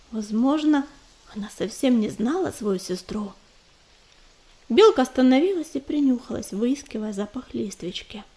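A woman reads an audiobook aloud in a high, expressive voice. She tells the story with lively, shaded delivery, scripted and clear. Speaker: audiobook narrator. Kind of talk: scripted narration.

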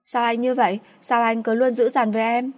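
A woman's voice: medium pitch, normal speed, natural voice. A woman voicing a drunk, spoiled young woman who sulks and pleads in a slurred, petulant way. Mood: tearful.

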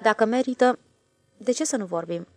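A woman voicing a calm, self-satisfied older male station master in an audiobook, drawling and knowing. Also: a little high. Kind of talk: audiobook character voice.

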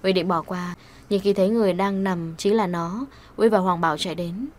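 A woman reading a melodramatic story aloud as an audiobook narrator, with steady, even delivery. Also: on the low side, a little fast.

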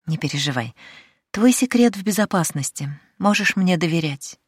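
A woman's voice: on the low side, lively intonation, moderate pace, husky, dry recording, clean studio sound. Woman reading as a willful young noblewoman. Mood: smug. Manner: demanding, sarcastic.

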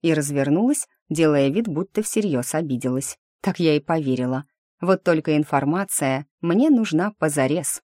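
A woman's voice: deep voice, expressive, moderate pace, warm tone, no room sound. A woman narrating a first-person audiobook in a dry, wry manner.

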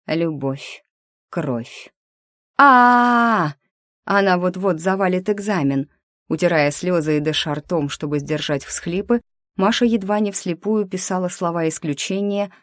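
A woman narrating a novel in an audiobook, reading at an even, measured pace. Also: low-pitched, dry recording, clean studio sound. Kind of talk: scripted narration.

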